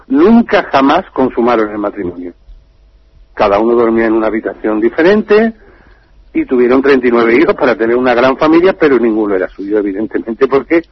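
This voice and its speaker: A man telling a story on a radio show in a lively, joking way. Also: medium pitch, breathy edge, no room sound. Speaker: radio contributor. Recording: dull, dry radio line.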